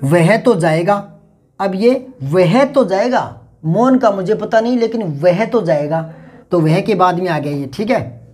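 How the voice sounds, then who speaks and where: Chatty man teaching grammar slowly. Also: high voice, darkish tone. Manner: chatty, explains slowly with repeated examples. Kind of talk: online grammar lesson.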